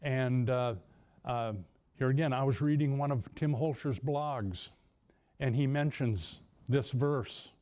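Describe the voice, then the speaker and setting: Male preacher with a mellow voice, halting delivery, lifts his pitch for emphasis. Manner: halting, many restarts, rises high for emphasis. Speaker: pastor. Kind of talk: sermon.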